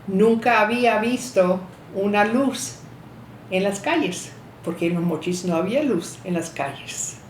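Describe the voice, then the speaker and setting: Older woman reminiscing, halting, roomy sound. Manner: halting, restarts sentences, laughs at memories. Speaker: interviewee. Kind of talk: reminiscing storytelling. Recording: roomy echo, faint rumble.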